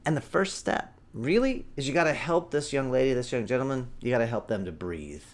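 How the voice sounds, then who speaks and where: Animated man hosting a parenting show. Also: medium pitch, a little fast. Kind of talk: energetic parenting advice talk.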